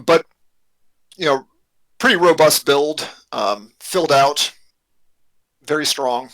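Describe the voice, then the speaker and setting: A man runs a tabletop role-playing game, describing characters and setting to his players. His voice is bright and forceful, and he often stops and repeats words as he searches for the next phrase. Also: a little high, rough recording. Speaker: game master.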